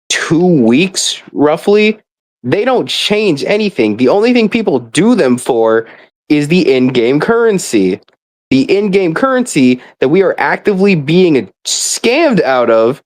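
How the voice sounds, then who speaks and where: Venting like a gamer, a young man with a medium-pitched, somewhat mellow voice rambles casually about a video game. He sounds exasperated and emphatic, and he swears frequently.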